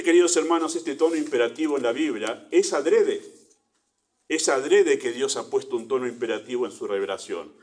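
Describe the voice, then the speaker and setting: Earnest Argentine man preaching. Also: fairly low pitch. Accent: Argentine Spanish. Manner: earnest preaching, rising to emphatic bursts then dropping to quiet asides. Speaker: pastor. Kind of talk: sermon. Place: church.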